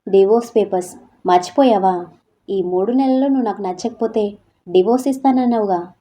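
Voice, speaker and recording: A woman's voice: mid-range voice, a little fast, dark tone, close to an everyday voice. A woman voicing a cold, dismissive young husband who speaks curtly and impatiently. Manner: curt, impatient. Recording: slightly dull lo-fi audio.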